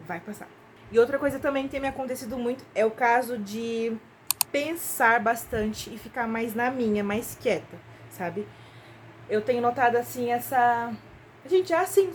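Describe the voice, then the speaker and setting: A woman's voice: on the high side, slight background noise. A young Brazilian woman talking casually and intimately to her viewers, often hesitating and repeating words. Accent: Brazilian Portuguese. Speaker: vlogger. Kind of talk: casual confessional chat to viewers.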